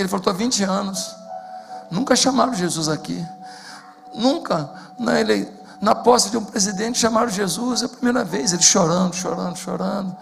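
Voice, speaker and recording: A man preaching a sermon as pastor, impassioned and building to shouts. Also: sits high, creaky. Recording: long hall reverb with faint music.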